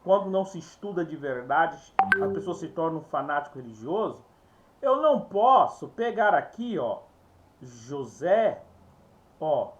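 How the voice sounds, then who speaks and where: A man's voice: a little high, very animated, a little slow, highs cut off, slight background noise. A man giving an informal Bible lesson, explaining step by step, repeating words and often calling out to his viewers. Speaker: Bible teacher.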